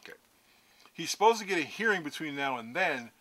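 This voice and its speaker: A man's voice: fairly high pitch, animated, fairly quick, pushed and bright. A man co-hosting a casual wrestling news show, rambling through the stories and repeating himself. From United States. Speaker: co-host reading wrestling news. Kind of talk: casual news rundown and banter.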